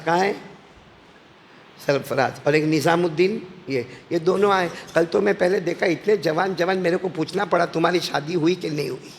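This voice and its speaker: A middle-aged man, speaking as a religious teacher at a school gathering and teasing the audience with jokes and stories. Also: on the high side. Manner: joking, teasing the audience, storytelling. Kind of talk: humorous address at a madrasa gathering. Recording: echoey hall, faint background noise.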